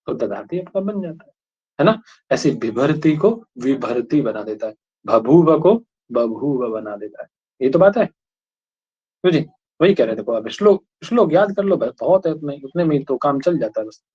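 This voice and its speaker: A man's voice: a little high, sing-song, normal speed, darkish tone, slightly rough. A male teacher giving a classroom lecture, asking students questions again and again and checking that they follow. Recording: dull lo-fi recording.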